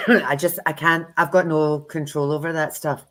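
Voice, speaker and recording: A tarot reader co-hosting a livestream over a video call tells chatty anecdotes in a blunt, casual way. Her voice sits low, with fairly even intonation and a moderate pace.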